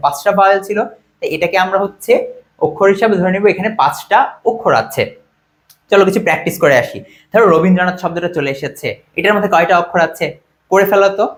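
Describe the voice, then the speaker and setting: Fast-talking high-voiced male teacher. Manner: quick, questioning, counts items aloud. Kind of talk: online exam-prep lesson.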